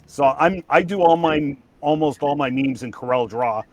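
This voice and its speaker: A man with a fairly high voice hosts a casual livestream from his home setup. He rambles a little, restarts his sentences and chuckles between thoughts. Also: normal speed, dry recording. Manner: rambling, restarts, frequent laughter. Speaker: livestream host.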